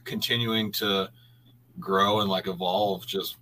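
Bright-voiced man musing as a guest. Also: deep voice, fairly even intonation, slow pace, rough recording. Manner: reflective, thinks aloud with many restarts. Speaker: guest artist, printmaker. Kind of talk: casual podcast conversation.

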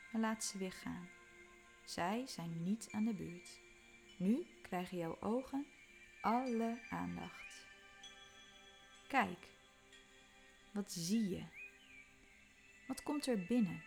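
Woman, calm meditation guide, unhurried delivery, faint music underneath. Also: on the low side, creaky. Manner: slow, calm, soothing instructions with soft whispered moments.

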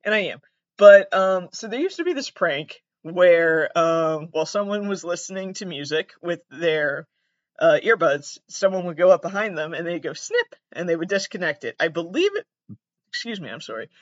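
A man from the United States with vocal fry and a monotone, deadpan delivery, hosting a podcast as a casual, self-deprecating, sweary comedic monologue. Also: high voice, moderate pace, no room sound, lo-fi sound. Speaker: podcast host.

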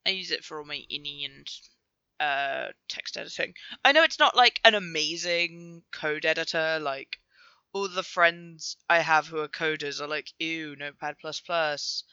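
A Canadian woman co-hosting a podcast in casual, joking banter, animated and swearing freely. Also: sits low, normal speed, clean tone, no room sound, highs cut off. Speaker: podcast co-host.

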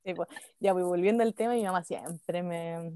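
A Chilean woman co-hosting a podcast, telling a story in casual, slangy, lively chat and breaking into laughs and shouts. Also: on the low side, normal speed, clean tone. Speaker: podcast co-host.

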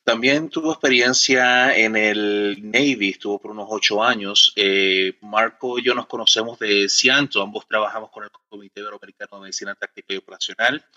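A man's voice: on the low side, steady tone, a little fast, hardly any pauses, bright, forceful tone, highs cut off. A man hosting a medical podcast, greeting and questioning his guest in a friendly way. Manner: friendly, calls the guest brother. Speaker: podcast host. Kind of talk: conversational interview.

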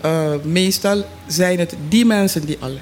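A man explaining things informally as a panel guest, in halting, deliberate phrases. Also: sits high, darkish tone. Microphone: studio microphone. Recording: clear background noise.

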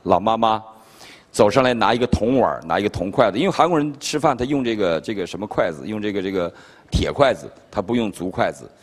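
Older Chinese male pastor, animated story-driven sermon, lively pitch, long hall reverb. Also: fast talker. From China. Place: conference hall.

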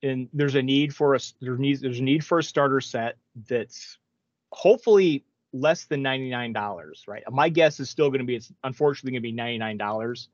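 A gaming podcast co-host chats casually, rambling and restarting his sentences often. His medium-pitched voice moves briskly, on a dry recording with the highs cut off.

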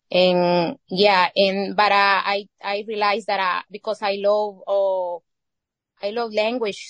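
In a casual interview, an El Salvador-born woman whose first language is Spanish talks in English with a Salvadoran accent, pausing frequently and searching for words. Her voice is mid-range and free of echo.

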